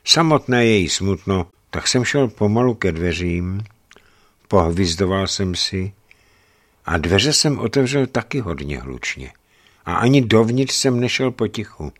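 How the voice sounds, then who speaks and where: A man's voice: fairly low pitch, expressive, a bit bright. A man reading an audiobook, voicing a distraught young husband who confesses earnestly. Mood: pained.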